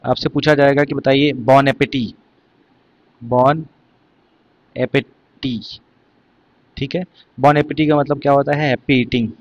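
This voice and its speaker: Male teacher, mid-pitched, explains terms step by step and quizzes students. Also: level tone, fairly quick, dry recording, highs cut off. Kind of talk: exam vocabulary lesson.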